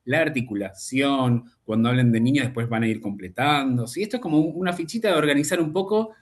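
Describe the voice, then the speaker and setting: Man, speech therapy teacher, mid-pitched voice, steady explanatory manner, video call audio. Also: fast. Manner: explanatory, keeps checking with "¿sí?". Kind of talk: online class explanation.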